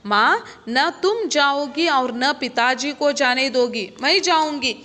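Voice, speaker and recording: A woman's voice: sits high, slow, bright, forceful tone, big-room sound, heavily acted. A woman voicing the Brahmin's brave young daughter, who speaks with firm insistence. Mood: determined. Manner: determined, insistent.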